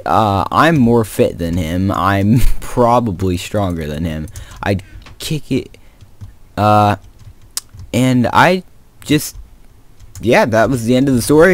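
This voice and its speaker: A man's voice: medium pitch, dry recording. A teenage boy telling a rambling story in a casual way while playing a video game, with lots of fillers and restarts. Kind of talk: casual storytime over gameplay commentary.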